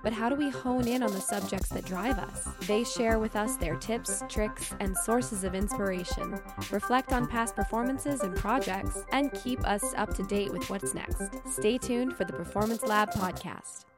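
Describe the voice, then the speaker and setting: A woman reading a scripted podcast introduction in an even, polished way. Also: medium pitch, moderate pace, hardly any pauses, over loud music.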